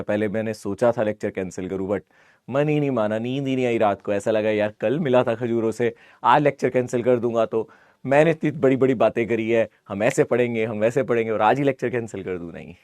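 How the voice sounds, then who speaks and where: A man with a hoarse, sore voice, chatting casually as a live online physics teacher. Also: lowish voice, brisk, darkish tone, no room sound. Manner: chatty, repeats greetings, mixes English into Hindi. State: hoarse, sore throat from fever. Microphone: close mic, amplified.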